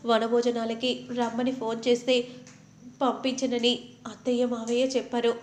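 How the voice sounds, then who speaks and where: A timid young wife, worried and apologetic, as a woman reads her part. The voice is a little high and carries a roomy echo. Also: completely flat delivery, moderate pace, slight background noise, close to an everyday voice. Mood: anxious. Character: timid young wife, anxious and self-blaming.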